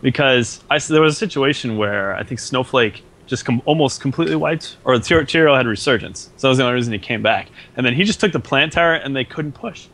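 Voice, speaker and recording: A man co-hosting a casual gaming podcast, telling his points in a lively storytelling way. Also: medium pitch, fast, hardly any pauses. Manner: lively storytelling, laughs easily. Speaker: podcast co-host.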